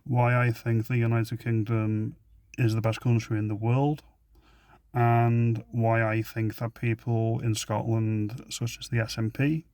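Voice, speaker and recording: English man ranting to camera in a flat, even voice, dry recording, dismissive and repetitive. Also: mid-range voice, no echo. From England. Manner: emphatic, repetitive restarts, dismissive. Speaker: vlogger giving opinions. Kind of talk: unscripted opinion monologue.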